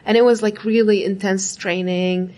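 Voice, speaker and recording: A woman's voice: medium pitch, fairly even intonation, normal speed, darkish tone. A woman, talking reflectively in an interview and leaning on "like" and "right?". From Iraq. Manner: reflective, frequent "like" and "right?" asides. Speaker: interviewee, graduate student. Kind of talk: casual interview talk.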